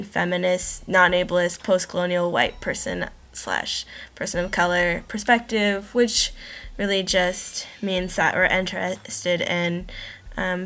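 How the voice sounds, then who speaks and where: A woman's voice: on the low side, fairly bright tone. A young woman hosting a podcast, talking casually in an earnest, explanatory way. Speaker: podcast host.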